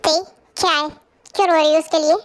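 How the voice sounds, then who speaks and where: A resentful sister-in-law who scolds sharply, voiced by a woman. She sounds high-pitched and reproachful. The sound is close and dry, in a fan audio drama dub. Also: flat delivery, a little fast, dry recording, lightly acted. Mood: scolding.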